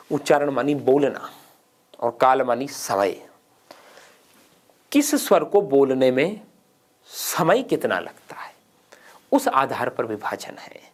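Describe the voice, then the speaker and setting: A man teaching a grammar lesson for exam students, asking questions and answering them himself and repeating key points. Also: medium pitch. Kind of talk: exam-prep grammar lecture.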